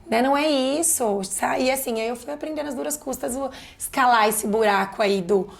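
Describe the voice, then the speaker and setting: A woman's voice: fairly high pitch, fairly even intonation, a little fast, creaky. A woman in her thirties with a Brazilian Portuguese accent, a pediatrician guest speaking candidly and expressively in a casual podcast conversation.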